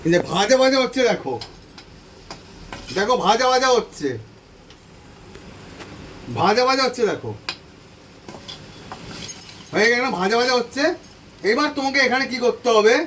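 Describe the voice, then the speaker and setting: High-voiced man demonstrating a home recipe. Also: expressive, normal speed, pauses often, a bit bright, a little hiss or hum. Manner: repetitive, instructive, addresses viewers directly. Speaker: home cooking channel host. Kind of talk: step-by-step cooking demonstration. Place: home kitchen at the stove. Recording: voice from a distance off the mic. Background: frying sizzle and stirring.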